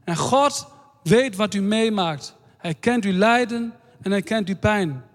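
A man preaching a sermon in a slow, earnest way, reading scripture aloud. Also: sits high. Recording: long hall reverb.

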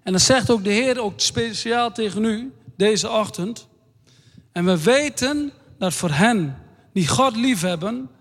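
A man preaching a sermon in a slow, earnest way, reading scripture aloud. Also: high-pitched, expressive. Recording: long hall reverb.

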